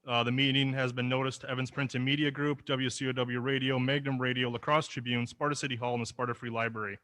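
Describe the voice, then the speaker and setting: A man chairs a school board meeting, moving through motions and agenda items in a brisk, procedural way. His voice is bright and forceful. He keeps things short and businesslike. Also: medium pitch, level tone, a little hiss or hum.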